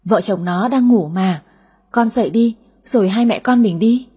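A woman's voice: mid-range voice, unhurried, mellow, breathy edge. A woman voicing a nagging, fussing middle-aged mother in an audio story. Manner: nagging, complaining.

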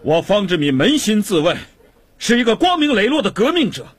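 An actor playing a calm, unbending male revolutionary prisoner from Yiyang, in a measured, dignified radio drama voice. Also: deep voice, breathy edge, full character voice. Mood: defiant, proclaiming. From Yiyang, China.

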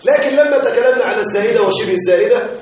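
High-voiced man teaching in an echoey hall. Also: a little hiss or hum. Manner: explains slowly, repeats points and checks students follow. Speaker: grammar teacher. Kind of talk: classroom lecture on Arabic grammar. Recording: very echoey room, voice far from mic.

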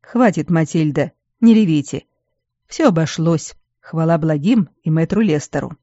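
A stern, sardonic stepmother from an audiobook, as a woman reads her part, speaking in a gruff, dry way. Her tone is mellow and warm. The recording is dull and lo-fi with a dry, close sound. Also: low-pitched, expressive, a little slow, no echo. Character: stern wry injured adult woman, stepmother.

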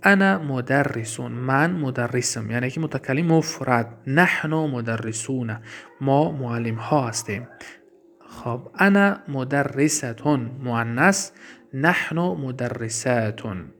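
A man with a Tajik accent teaching Arabic grammar in a class, reading each example slowly and then explaining it. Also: medium pitch, expressive, fairly bright tone.

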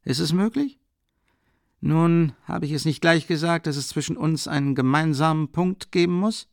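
A man doing Swidrigailow, a raised, gravelly rambling voice. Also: a little high, steady tone, normal speed, no room sound, studio quality, voice pushed up, lightly acted. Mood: wondering. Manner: raised, wondering, chatty voice. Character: worldly middle-aged man, oddly candid and rambling. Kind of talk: audiobook character reading.

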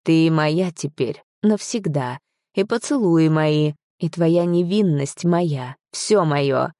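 A woman's voice: sits low, slow pace, mellow, dry recording, studio quality. A woman voicing a possessive, domineering young man who talks in a mocking, commanding way.

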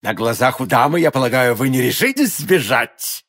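A man's voice: mid-range voice, lively intonation, normal speed, fairly bright tone. A man voicing a haughty, scornful nobleman in an audiobook, cool and disdainful. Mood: mocking. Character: haughty older male nobleman, scornful swordsman.

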